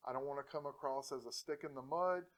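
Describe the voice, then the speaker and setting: A man's voice: mid-range voice, fast, rough recording. A man hosting a PC-building tutorial, talking casually to the camera, joking and laughing often while encouraging viewers. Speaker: host of a PC-building channel.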